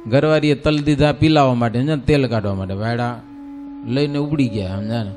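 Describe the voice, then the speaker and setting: A man telling a devotional story in a folksy, animated way, often turning to listeners and breaking into sung verse. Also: medium pitch, brisk, faint music behind. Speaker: religious storyteller.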